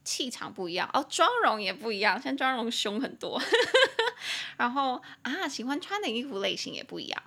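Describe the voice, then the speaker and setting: A young woman with a Taiwanese Mandarin accent hosts a podcast English lesson, chatty and playful, slowing down to spell out and drill new words. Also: on the high side, big pitch swings, creaky, bright, forceful tone, husky. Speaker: English teacher and podcast host. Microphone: podcast microphone.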